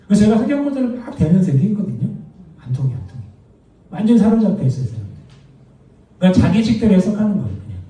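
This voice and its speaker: Male Bible study teacher, conversational, dark mellow voice, distant in a very echoey room. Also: fairly high pitch. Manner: conversational, explains doctrine with asides and anecdotes. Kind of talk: church Bible study lesson. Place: church room.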